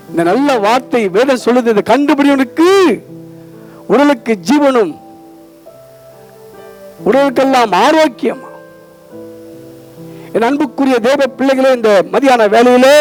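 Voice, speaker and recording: A man's voice: very high voice, low-quality recording. A man with a Tamil Nadu accent preaching a fervent sermon, calling out to his listeners and repeating lines back to them. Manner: fervent preaching, calls out to listeners, call-and-response. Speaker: pastor.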